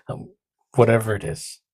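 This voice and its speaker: A man's voice: lowish voice, fairly even intonation, slow, gravelly, a little mellow, husky, no echo. A man co-hosting a casual podcast, explaining the topic with laughs and playful jokes. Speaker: podcast co-host.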